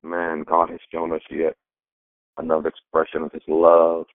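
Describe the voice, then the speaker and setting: A man with a voice hoarse from a cold, speaking haltingly as a pastor giving an informal sermon over the phone. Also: very deep voice, completely flat delivery. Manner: halting, searching for words. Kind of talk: informal sermon on a prayer call. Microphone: telephone. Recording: tinny phone conference line, roomy echo.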